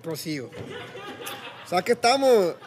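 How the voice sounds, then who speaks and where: A man's voice: sits high, very animated, unhurried, darkish tone, some chatter behind. A young man, telling a rambling, profane story in casual podcast chat. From Mexico. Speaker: podcast guest.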